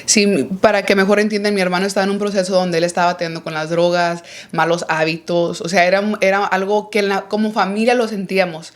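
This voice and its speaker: A woman's voice: mid-range voice, level tone, fast talker, hardly any pauses. A woman in her thirties hosting a casual faith podcast, dropping in English fillers as she talks. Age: 30s. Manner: warm, mixes in English fillers. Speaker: podcast host.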